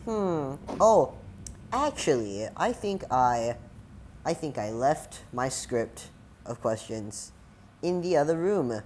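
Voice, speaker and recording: A man's voice: mid-range voice, very animated, takes it slowly, darkish tone. A young man hosting a casual podcast, rambling and poking fun at himself. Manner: rambling, self-mocking, talks over bits. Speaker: podcast host.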